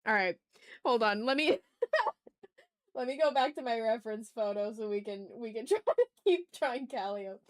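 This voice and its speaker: Pitched fairly high with lively intonation, a woman speaks at a moderate pace and pauses often. She works through a drawing on a relaxed art stream, thinking aloud and chatting to her audience in gushing, slangy, informal language.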